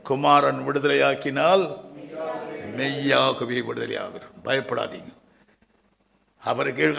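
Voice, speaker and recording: A male pastor preaching passionately at a church service, stretching his English prayer lines slowly. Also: medium pitch, creaky, long reverb tail. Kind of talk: sermon and fervent prayer.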